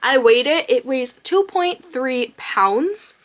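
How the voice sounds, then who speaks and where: Young female vlogger, bright, gushing, casual, slightly higher voice. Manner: bubbly, gushing, quick bursts of excitement. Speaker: crochet vlogger. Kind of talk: casual chat to camera.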